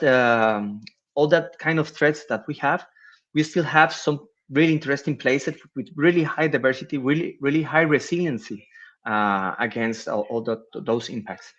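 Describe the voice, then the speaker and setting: Middle-aged man from Costa Rica, halting panel guest, lo-fi audio. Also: medium pitch. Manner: halting, many repeated words and restarts. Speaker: marine biologist, panel guest. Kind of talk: panel discussion answer. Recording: lo-fi dull audio.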